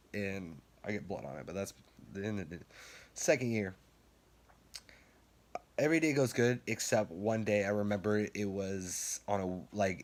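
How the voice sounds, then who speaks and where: A young man with a fairly low voice tells stories casually. He rambles and swears freely, and he laughs now and then. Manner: rambling, profane, laughs while telling. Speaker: vlogger. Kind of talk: casual storytelling.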